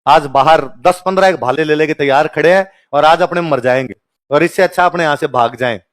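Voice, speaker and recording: A man voicing a frightened female wild boar in a folk tale, pleading in a low voice. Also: brisk, natural voice.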